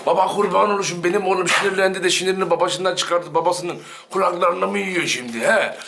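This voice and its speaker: A man with a fairly high voice talks casually to his viewers and his dog in a home room. He teases, scolds and coos at the dog as he goes. The recording is noisy, with dog sounds behind him. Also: quick pace, gravelly. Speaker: dog channel vlogger.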